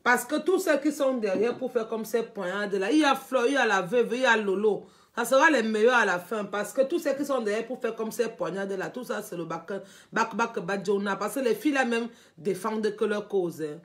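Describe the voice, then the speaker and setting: A woman hosts an unscripted live stream, her colouring every phrase. She rants with animated energy, repeating herself, and her voice sits a touch higher than most women's. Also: a little fast, few pauses. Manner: animated, repetitive, often laughing while talking.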